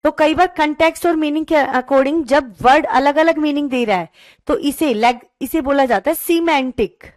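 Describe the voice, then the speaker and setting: A woman teacher giving an online class, explaining slowly and reading questions out word by word. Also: sits high, no room sound, clean studio sound. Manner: calls students "beta", mixes English into talk.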